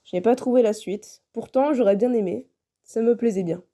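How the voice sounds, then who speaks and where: A young woman reads a personal, scripted story as a video creator. Her voice sits a little high, yet the tone is very mellow and dark, with a relaxed sound. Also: normal speed.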